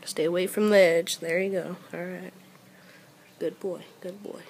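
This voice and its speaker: A woman films her family in a bedroom at home and speaks unhurriedly in a soft, cooing baby-talk voice. The handheld camera picks her up with a faint hiss of noise behind. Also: on the low side, steady tone, unhurried, creaky. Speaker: mother filming her family. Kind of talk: casual home video.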